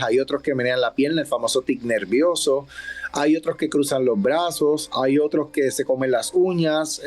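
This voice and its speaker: A man with a Puerto Rican accent, a counselor on a health talk show, explaining in a calm, measured way and often asking for agreement. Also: medium pitch. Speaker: substance abuse counselor.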